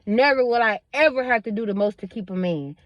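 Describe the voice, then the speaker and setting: Emphatic woman vlogger with a higher voice. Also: a little fast, no echo, dull audio. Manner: emphatic, preachy, addresses viewers directly. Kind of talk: casual vlog monologue.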